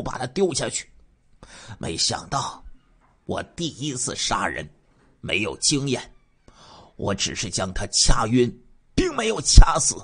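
A man narrates a true-crime case in the first person, voicing the killer's confession. His voice is husky, and his pitch swings very widely as he moves between hushed asides and loud bursts.

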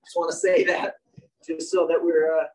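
A man's voice: a little high, level tone, normal speed. A middle-aged man giving a candid, self-mocking personal story at a church meeting. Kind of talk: humorous personal story talk. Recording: distant mic.

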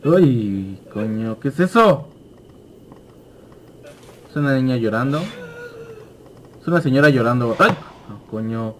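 A man's voice: medium pitch, lively intonation, unhurried, long pauses, a little hiss or hum. A young man hosting a gaming channel, giving let's play commentary on a horror game and yelping and swearing at the scares. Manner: jumpy, yelps and swears at scares.

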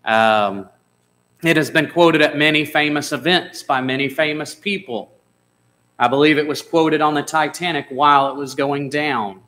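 Man preaching in a church, bright voice, conversational, asks the congregation questions. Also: fairly high pitch, moderate pace, rough recording. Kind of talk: sermon. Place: church sanctuary.

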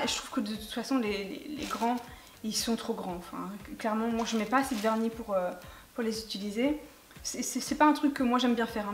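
A woman's voice: a little high, a bit bright. A woman, chatting casually and enthusiastically about her latest makeup haul, with lots of fillers. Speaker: beauty vlogger. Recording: echoey room with faint music.

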